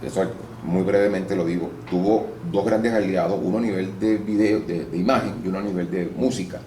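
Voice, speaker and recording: Speaking a little fast in a voice that sits low, a man from Venezuela, an actor and voice-over artist, chats through a casual interview. He explains at length with some restarts, animated and storytelling in manner. The recording has a roomy sound and faint noise.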